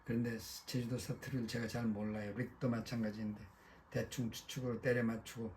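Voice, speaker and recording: A man's voice: medium pitch, little pitch movement, fairly quick, a little mellow, slight background noise, lightly acted. A man reading the part of a friendly American visitor chatting about his travels in Korea. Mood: chatty.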